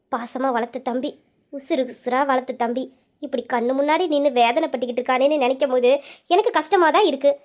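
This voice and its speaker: A woman's voice: high voice, darkish tone, lightly acted. A woman voicing a knowing elder sister who lectures her younger brother firmly in an amateur audio drama. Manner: firm, lecturing. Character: knowing elder sister, stern yet caring.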